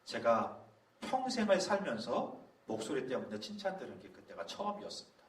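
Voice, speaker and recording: A middle-aged man, a pastor, telling a story to a youth leaders' camp in a lively, storytelling way. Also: mid-range voice, normal speed. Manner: animated storytelling, acting out quoted voices. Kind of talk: sermon-style talk at a youth leaders' camp. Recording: roomy hall from a distance, faint background noise.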